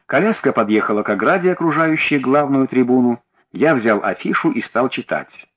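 A man narrating a classic detective story as an audiobook, with an expressive, varied delivery. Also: medium pitch, moderate pace, husky, lo-fi sound.

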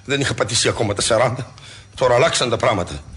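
A man's voice: mid-range voice, fairly bright tone, slightly rough. An actor in his forties playing an anxious hypochondriac husband in a 1960s radio play, fretful and comic. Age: 40s.

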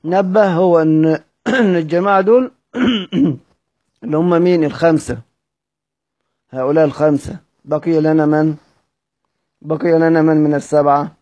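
A man's voice: a little high, steady tone, moderate pace, long pauses, darkish tone, no room sound, dull audio. A man with an Egyptian accent teaching a lesson on Quranic readings, who asks his listeners questions, repeats them, and then answers them himself. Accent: Egyptian Arabic. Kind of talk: explanatory lesson.

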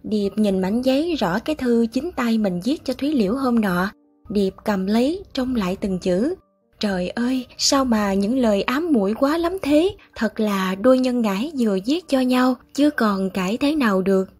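Husky-voiced woman reading a novel. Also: on the high side, moderate pace. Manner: steady storytelling. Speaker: audiobook narrator. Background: soft music.

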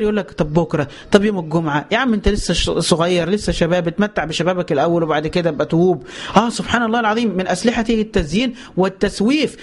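A man with an Egyptian accent giving a religious lesson, asking rhetorical questions and often repeating phrases and pious interjections. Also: high-pitched. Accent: Egyptian Arabic. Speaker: preacher.

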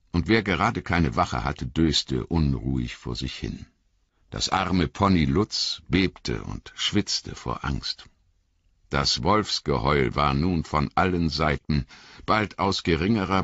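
Deep, husky male storyteller. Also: a bit bright, no echo, dull audio. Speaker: audiobook narrator. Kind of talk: scripted narration.

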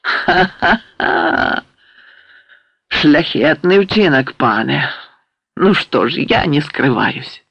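A feverish young warrior raves and challenges unseen enemies, as a male audiobook reader puts him on. The voice is gravelly and jumps high into wild, hoarse cries. It sounds dull and dry, like a lo-fi recording. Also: expressive, slow, dry recording, heavily acted. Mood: raving, defiant. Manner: wild shouting, hoarse broken outbursts. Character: delirious young man, feverish warrior raving.

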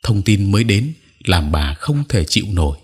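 A man narrating a sad audio story in a slow, sorrowful reading style. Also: lowish voice, big pitch swings, a little mellow, slightly rough.

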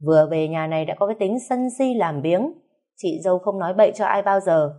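A woman's voice: on the low side, brisk, warm tone, lightly acted. A woman voicing a hot-tempered young husband, barking scornful orders. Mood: angry shouting.

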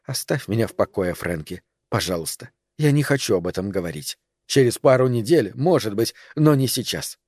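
A weary, resolved woman, as a male audiobook reader puts her on, speaking quietly and firmly in a tired voice. The recording is dry and close. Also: mid-range voice, moderate pace, few pauses, no room sound, close to an everyday voice. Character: weary woman calmly ending a relationship.

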